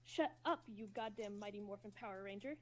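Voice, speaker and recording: A woman reading the part of a friendly, teasing young man in an amateur fan fiction reading, with quick, quiet jabs. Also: medium pitch, lightly acted.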